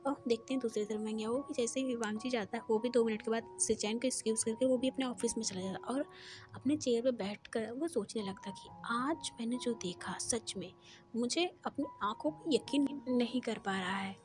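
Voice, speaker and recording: A woman narrating a romance story in a steady, plain way, her voice sitting fairly high. Clear background music plays under her reading. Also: fairly quick. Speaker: fan fiction storyteller.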